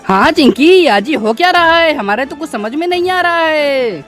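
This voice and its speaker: A woman voicing an eager, excitable young boy in a cartoon, full of exclamations. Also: sits high, normal speed, soft background music. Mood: puzzled.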